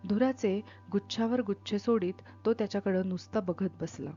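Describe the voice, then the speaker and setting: A woman reading a novel aloud, with steady, measured storytelling. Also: mid-range voice. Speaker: reader. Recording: dull lo-fi with faint music.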